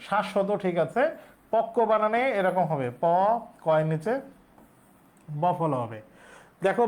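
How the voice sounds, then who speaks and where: A male teacher, explaining exam questions step by step and quizzing his students. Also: high voice. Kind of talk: exam-prep lesson.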